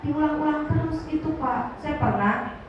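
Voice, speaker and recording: High-voiced woman giving a lively parenting talk. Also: normal speed. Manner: lively, laughing, acts out dialogue. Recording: echoey hall, distant mic, dull and noisy.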